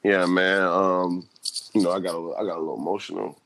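A man's voice: sits low, little pitch movement, quick pace, vocal fry, a bit bright. A man in his sixties in loose, joking casual chat, full of slang and banter. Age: 60s.

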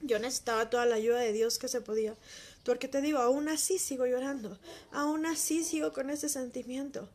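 A woman's voice: high-pitched, fairly quick, a little mellow. A woman sharing a heartfelt personal faith testimony, talking in an emotional, intimate way straight to the listener.

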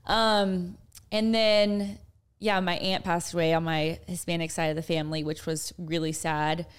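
A young woman talks through a story on her podcast in a loose, chatty way, full of fillers and asides. Her voice sits a little low for a woman. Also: little pitch movement, measured pace, smooth. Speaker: podcast co-host. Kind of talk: casual chat.

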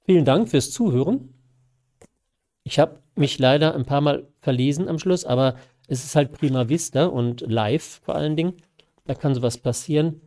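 A man with a scratchy throat reading a classic novella aloud live at sight, telling it in an unhurried way with chatty asides. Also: fairly high pitch, warm tone. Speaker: reader of a novella.

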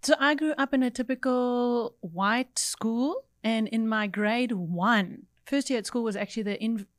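A South African woman in her thirties from Cape Town, Afrikaans by birth, talking as a guest and telling stories in a lively, direct way. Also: a little high, unhurried, no room sound, studio quality. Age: 30s. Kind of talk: casual interview storytelling.

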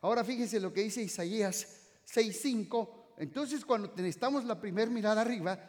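A man from Mexico preaching a sermon in a church, swinging from loud exclamations to soft, stretched-out phrases. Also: high voice, moderate pace. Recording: reverberant hall sound.

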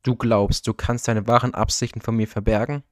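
A man reading the part of a cold, suspicious lord in a storybook audiobook, with a quietly threatening delivery. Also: mid-range voice, flat delivery, fairly quick, no echo, clean studio sound, lightly acted.

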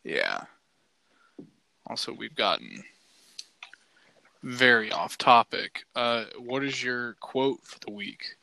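A man co-hosting a podcast in casual chat, relaxed and rambling, with lots of "like" as filler. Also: medium pitch, slow pace, creaky, pauses often, low-quality recording. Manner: relaxed, rambling, heavy use of "like". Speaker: podcast co-host.

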